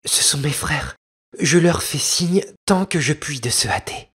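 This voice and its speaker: A terrified young wife begs and calls out in a high, strained voice. She drags her words slowly in desperation. A storybook heroine in peril. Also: vocal fry, fairly bright tone, heavily acted. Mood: pleading. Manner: high falsetto, pleading and crying out. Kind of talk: storybook reading.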